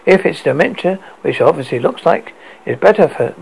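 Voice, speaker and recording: A British man voicing a worried adult daughter in a story, with a gravelly voice. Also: fairly high pitch, sing-song, moderate pace, darkish tone, full character voice, poor audio. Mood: exasperated. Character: worried adult daughter fretting over her ailing father. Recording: noticeable background noise.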